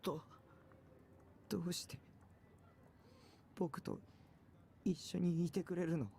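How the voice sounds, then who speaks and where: A man's voice: sits high, moderate pace, vocal fry, mellow, slight background noise. A man voicing a timid, nervous teenage boy who stammers, in an anime-style game clip. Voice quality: stammering, hesitant.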